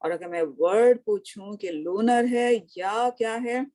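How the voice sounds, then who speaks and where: A woman's voice: mid-range voice, dark tone. A woman teaching Arabic grammar in a recorded lesson, asking questions and answering them herself, drawing out each word she recites, with English words mixed into her Hindi. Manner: slow, patient, drawn-out recitation of words. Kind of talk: recorded lesson, explaining line by line.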